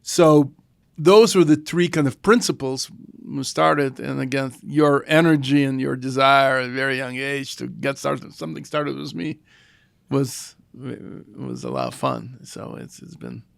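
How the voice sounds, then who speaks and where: Gravelly Russian-accented man. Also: medium pitch, fairly even intonation, no room sound. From former Soviet Union. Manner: halting, thoughtful delivery with restarts. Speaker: guest, founder. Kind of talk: casual podcast conversation.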